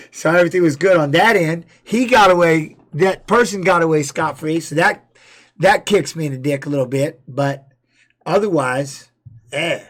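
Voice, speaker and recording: A middle-aged man streaming, loudly telling stories and reacting to fight videos with plenty of swearing. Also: on the high side, moderate pace. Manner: loud, profane storytelling with laughs. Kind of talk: casual stream chat.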